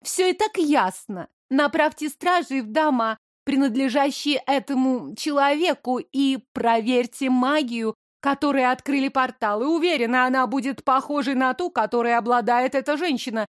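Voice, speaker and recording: Brief: spiteful young blonde lady of the court, shrill and accusing, voiced by a woman reader; high, dry audiobook sound. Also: normal speed, few pauses, no room sound, lightly acted.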